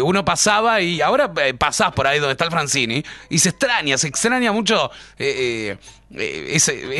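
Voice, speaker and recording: Animated, bright-voiced Uruguayan radio host. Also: male voice, a little high. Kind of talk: casual comic radio banter. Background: background music.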